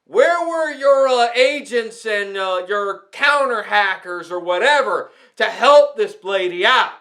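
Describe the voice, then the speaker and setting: Speaking slowly in a high, expressive voice with a sharp tone, an ASMR creator vents an indignant rant directed at the platform. He scolds emphatically and repeats phrases for effect.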